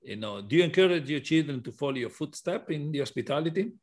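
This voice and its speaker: A man's voice: on the high side, lively intonation, fast talker, darkish tone. A man hosting a podcast, chatting casually and rambling through repeated restarts as he asks questions. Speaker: podcast host. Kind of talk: casual interview chat.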